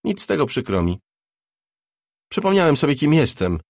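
Man doing a polite ai guy, calm and amused, a bit higher than his own voice, dry. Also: moderate pace, creaky, no room sound, heavily acted. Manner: courteous and lightly amused. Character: calm polite male construct, a tactician.

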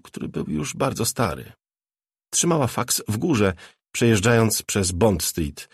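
A man narrates a novel in a measured, steady audiobook delivery. His voice sits low and carries a husky grain. The recording is close and dry, with no room around it. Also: no room sound. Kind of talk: scripted narration.

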